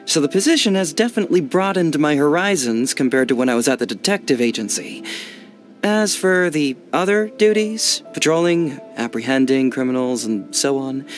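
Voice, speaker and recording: An actor voices a clever, playful young male detective for a video game, his fairly high voice very animated at a moderate pace over soft background music. The lines are breezy, theatrical and teasing, enthusiastic in mood as he explains things.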